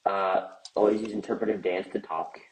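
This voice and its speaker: A man co-hosting a comedy sketch, giving absurd answers in a flat, deadpan way. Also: low voice, moderate pace, background noise. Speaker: comedy show co-host.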